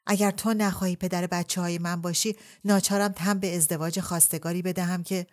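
A woman's voice: lowish voice, fairly even intonation, close to an everyday voice. A woman reading the part of a frank, determined young woman who speaks earnestly.

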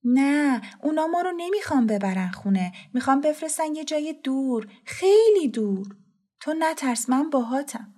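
A brave little child speaks up high and firm, drawing words out as it comforts a friend, voiced by a woman reading a storybook. The tone is protective and steady.

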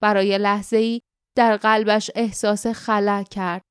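A woman narrating an audiobook in a clear, even reading voice. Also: medium pitch, no room sound, studio quality. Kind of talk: scripted narration.

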